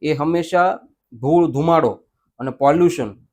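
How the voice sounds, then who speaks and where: Measured male doctor. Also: a little high. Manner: explanatory, measured, with English medical terms. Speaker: ENT doctor. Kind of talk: medical interview answers.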